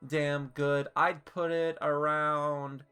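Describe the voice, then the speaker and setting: A woman's voice: sits low, flat delivery, takes it slowly, fairly bright tone, smooth, faint music behind. A woman live-streaming, chatting casually and swearing freely while she ranks costumes, hiccuping and a little flustered.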